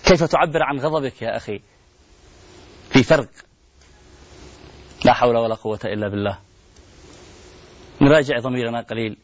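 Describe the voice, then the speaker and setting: A man's voice: mid-range voice, moderate pace, pauses often. A man, hosting a program and making an impassioned appeal full of pleading rhetorical questions and repeated refrains, on dull lo-fi broadcast audio. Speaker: TV program host.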